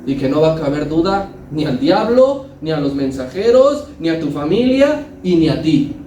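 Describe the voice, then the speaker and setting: A man's voice: a little high, sing-song, normal speed, warm tone, reverberant, far from the mic, faint music behind, rough recording. A man preaching a sermon as pastor, building emphasis and acting out quotes.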